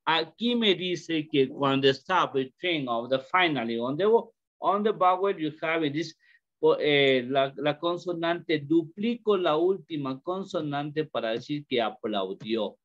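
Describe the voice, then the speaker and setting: Hombre profesor de inglés, habla lento. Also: male voice, on the high side, animated, a bit bright. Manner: slow, repeats questions to students, mixes English into Spanish. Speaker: English teacher. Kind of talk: online class lesson. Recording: dull lo-fi call audio.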